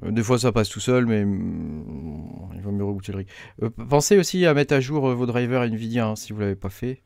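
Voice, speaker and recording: A man talking through a software setup tutorial, hesitant with many fillers as he clicks along. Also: on the low side, fairly quick, vocal fry, dry recording, studio quality. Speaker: crypto mining tutorial host. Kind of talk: casual screen-recorded tutorial.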